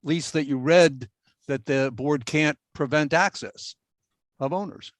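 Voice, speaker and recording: A male commissioner puts careful, halting questions to a witness. His voice sits a touch high for a man and sounds dry and close. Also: no room sound. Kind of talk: questioning at a hearing.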